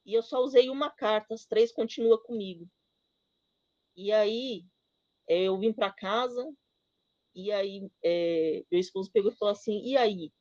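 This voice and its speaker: A woman's voice: mid-range voice, dark tone, dry recording, muffled recording. Woman giving an emotional church testimony. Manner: emotional storytelling, halting with many fillers. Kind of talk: personal testimony in a church talk.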